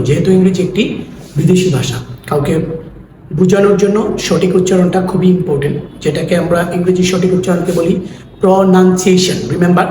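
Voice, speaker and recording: A man with a Bangladeshi accent teaching English pronunciation, repeating each word slowly and mixing English words into his talk. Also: high voice, very echoey, distant mic, background noise. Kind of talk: language lesson.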